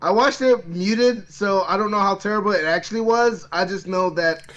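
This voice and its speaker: A man's voice: high voice, normal speed, fairly bright tone, dull audio. A young man co-hosting a gaming talk show over an online voice call, rambling and sarcastic, with plenty of swearing. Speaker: podcast co-host.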